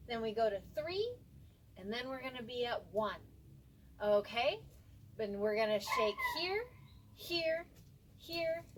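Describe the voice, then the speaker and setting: A woman teacher leading a class through body and voice warm-ups in an upbeat, coaxing way. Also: on the high side, a little hiss or hum, rough recording. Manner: upbeat, coaxing, counts aloud with energy. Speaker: music and theater teacher.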